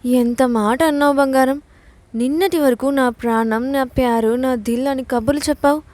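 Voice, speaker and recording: A slurring drunk man, whiny and mock-sweet, his talk dragging and sappy, as a woman storyteller puts him on. The voice sits a little lower than her own and rings dry and close. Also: steady tone, normal speed, a little mellow, dry recording, lightly acted. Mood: drunkenly sappy.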